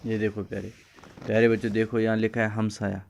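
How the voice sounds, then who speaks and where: A man's voice: on the low side, little pitch movement, gravelly, darkish tone, a little hiss or hum. A man teaching a children's reading lesson, explaining word meanings and repeating lines for his pupils. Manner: explains word meanings, switches briefly into Kashmiri.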